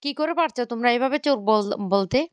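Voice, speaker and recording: A woman's voice: a little high, quick pace, clear, resonant tone, no echo, close to an everyday voice. A woman reading as a torn young husband. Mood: exasperated. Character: young husband caught between wife and family.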